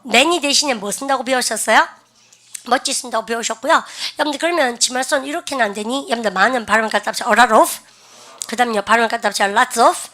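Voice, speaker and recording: A bright, forceful woman teaches an English grammar class. She talks in a chatty way, asks her students questions, and has them repeat phrases aloud. Her voice sits a little high. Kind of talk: classroom lecture.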